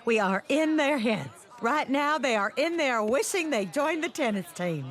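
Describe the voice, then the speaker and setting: A middle-aged cartoon mom who is sure she knows best. Her voice sits a touch high and swoops with lively pitch. She talks with bossy self-importance. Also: a little slow. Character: proud, self-assured Texan mom and cheer coach, middle-aged woman.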